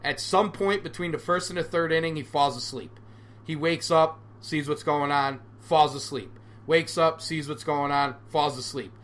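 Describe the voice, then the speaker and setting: A man's voice: fairly high pitch, moderate pace, fairly bright tone. A man in his forties hosting a solo podcast, ranting sarcastically and with animation. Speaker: podcast host.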